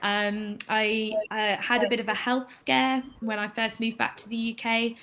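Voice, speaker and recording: A woman's voice: on the high side, little pitch movement, measured pace, sharp tone. Hesitant woman on a video call. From England, raised in Greece. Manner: hesitant, many fillers, laughs easily. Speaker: shop owner guest. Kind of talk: casual webinar interview.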